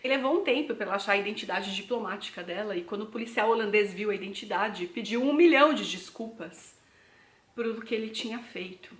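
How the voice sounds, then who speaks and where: A young Brazilian travel vlogger with a Brazilian Portuguese accent chats reflectively with her viewers, addressing them directly as "gente." Her medium-pitched voice is fairly bright and a little fast, recorded in an echoey room.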